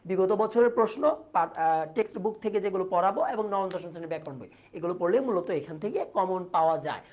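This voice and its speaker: A woman's voice: lowish voice, expressive, brisk, a little mellow. Female tutor for a livestreamed exam-prep class: patient, explains step by step, quizzes students, reads their comments aloud. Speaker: teacher.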